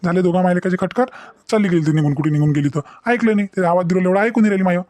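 A man's voice: high-pitched, very fast, darkish tone, dry recording, natural voice. [name], a man voicing a fretful village father. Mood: exasperated. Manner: rambling, exasperated. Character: middle-aged village father, exasperated. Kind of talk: cartoon voice acting.

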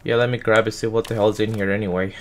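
Talking quickly in a fairly low voice, another let's-play streamer chats to himself, cursing and yelping at every jump scare. His energy is high, and a faint hiss or hum sits under the audio.

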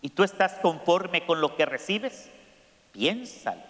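A priest preaching a sermon, slow and emphatic, putting questions to his congregation. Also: high-pitched, big pitch swings. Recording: echoey church hall.

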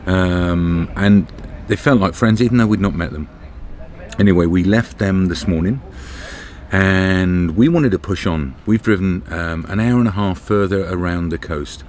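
Outdoors at a campsite, a middle-aged British vlogger talks unhurriedly to a camera at arm's length, his low voice darkish in tone. It is casual travel-vlog chat, recorded on camera audio with background noise.

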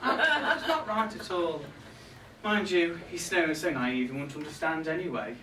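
Playing a resentful, catty male reindeer who grumbles about Santa's crew, a young man reads a comic stage monologue to a live audience in a small pub room, sounding indignant and gossipy with arch asides. His voice is on the high side, measured in pace with lively intonation. A far camera records him across the noisy, echoey room.

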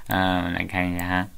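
A woman teaching a live one-on-one Chinese lesson over a video call, patient, repeating words slowly, mixing Chinese and English and laughing often. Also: rumbling low, gravelly, noisy background.

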